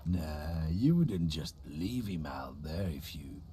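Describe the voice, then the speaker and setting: An actor playing a defiant, thuggish truck driver in a video game, talking in a sneering, combative manner. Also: male voice, a bass voice, very animated, takes it slowly, warm tone, slight background noise, heavily acted. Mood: defensive. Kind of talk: dramatic video game dialogue.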